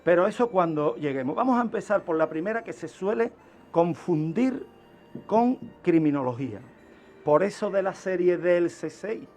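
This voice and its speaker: On a radio show, a Spanish-accented criminologist from Spain explains his subject as a guest expert, raising questions only to answer them himself. He speaks at normal speed in a high, expressive voice with a darkish tone, with faint music playing behind him.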